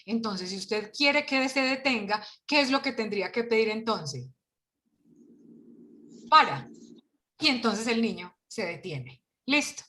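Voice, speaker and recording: A woman leading an online workshop for parents, lively and full of rhetorical questions, heard over a video call. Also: fairly high pitch, moderate pace, hardly any pauses.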